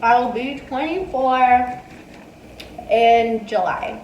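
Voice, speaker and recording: Eating in her dining room, this twenty-something mukbang vlogger chats casually while fielding viewer questions, holding her phone and using an earphone mic. Her voice sits on the high side and moves slowly. The room echoes, she's far from the mic, the highs are cut off, and there's slight background noise.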